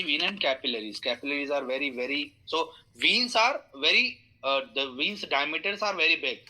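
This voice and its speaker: Bright-voiced Indian English instructor. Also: male voice, a little high, low-quality recording. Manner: explains with homely analogies, many fillers, invites questions. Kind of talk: online class lecture.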